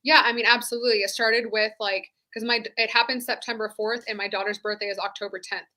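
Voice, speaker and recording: A woman's voice: fairly high pitch, flat delivery, fast talker, bright, forceful tone. A woman in her thirties, a former deputy, telling her own story in a candid, conversational way, full of "like.". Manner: candid, conversational, many "like" fillers. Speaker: interview guest, former sheriff's deputy. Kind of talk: casual personal storytelling.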